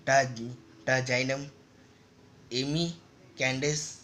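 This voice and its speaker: A man's voice: medium pitch, little pitch movement, slow, bright, forceful tone, slight background noise. A man casually narrating a story over a game, in loose, rambling and repetitive phrases. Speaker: gaming channel narrator.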